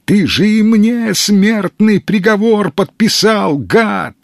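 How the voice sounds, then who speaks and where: A man voicing a panicking male officer who yells hysterically. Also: takes it slowly, creaky, no room sound, clean studio sound, heavily acted. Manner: shrill hysterical yelling.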